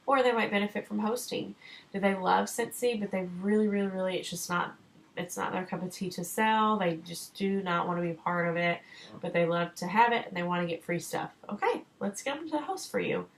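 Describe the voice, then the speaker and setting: A direct sales consultant in her thirties offers chatty, encouraging sales advice in a casual home vlog, rambling with fillers and restarts. She sounds short of breath, with a lowish, gravelly voice, a steady tone, and a fairly quick pace. The recording is rough.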